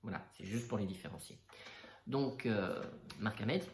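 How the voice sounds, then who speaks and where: A man's voice: on the low side, expressive, measured pace, echoey room, slight background noise. A man who is an NLP coach, talking in a casual comic monologue, joking and self-mocking. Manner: joking, self-mocking, lots of fillers and restarts.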